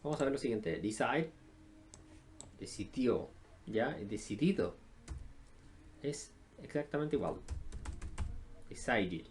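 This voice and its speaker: A male teacher gives a recorded online lesson. His voice sits at a middle pitch for a man. He works through each point slowly and checks in with a quick question. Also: animated, dark tone. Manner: explains step by step, many "eh" fillers, checks in with "¿ya?". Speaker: English teacher.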